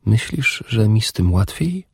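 A man voicing a sensual young woman in an audiobook, speaking softly and intimately with a raised voice. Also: medium pitch, expressive, normal speed, gravelly, husky, no echo, clean studio sound, pitched above the performer's own voice. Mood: tender, wounded. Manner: soft, intimate, teasing. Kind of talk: audiobook dialogue.

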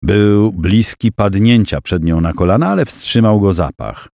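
A man reading a story aloud as an audiobook narrator, with expressive storytelling. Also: fairly low pitch, a little slow, vocal fry, dry recording, studio quality. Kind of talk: scripted narration.

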